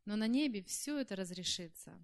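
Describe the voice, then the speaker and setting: A woman interprets a sermon consecutively, repeating each phrase right after the preacher speaks it. Her voice is of middle pitch. She keeps close pace with the speaker and sometimes trails off mid-word. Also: expressive, fairly quick. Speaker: church interpreter.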